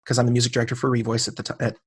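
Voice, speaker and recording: A man's voice: medium pitch, level tone, rapid-fire, husky. A man in his late thirties, a podcast guest, telling a personal story in casual conversation and acting out the people he quotes. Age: 30s.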